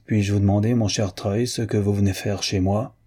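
A man reading aloud who voices a suave, mocking gentleman, curt but courteous. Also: lowish voice, normal speed, slightly rough. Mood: cool, cutting. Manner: cutting yet courteous.

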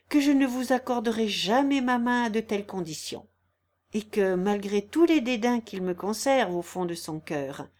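Woman voicing a proud young woman, gentle, resolute, earnest, storybook reading. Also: a little high. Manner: earnest, steady, persuasive. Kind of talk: audiobook reading.

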